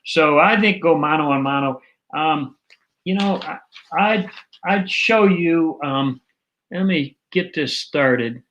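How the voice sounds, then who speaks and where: A man's voice: a little high, takes it slowly, fairly bright tone, slight background noise, poor audio. A man hosting casual political commentary, rambling and digressive with many fillers.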